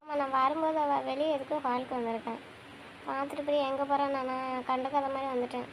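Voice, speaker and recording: An actress playing an anxious elder sister who frets aloud and calls out insistently. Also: female voice, high-pitched, steady tone, fast, slight background noise. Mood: urgent. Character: anxious meddling elder sister, young woman. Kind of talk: family web-series drama acting.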